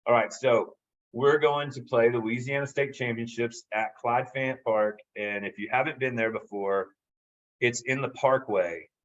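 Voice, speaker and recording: A man's voice: medium pitch, measured pace. A man, telling a long casual story and acting out the lines of the people in it. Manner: animated, acts out quoted dialogue. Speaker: guest storyteller. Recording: slightly dull lo-fi audio.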